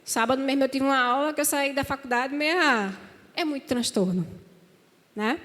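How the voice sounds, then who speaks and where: A woman speaking to a church audience in a warm, conversational way, often checking in with "né?". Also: high-pitched, normal speed. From Brazil. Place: church hall. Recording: reverberant hall.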